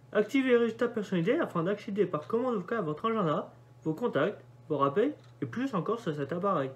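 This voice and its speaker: A young man reading setup prompts aloud in a casual commentary, dropping offhand remarks as he goes. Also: high voice. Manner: reads setup prompts aloud and mutters asides. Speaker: vlogger doing a device setup.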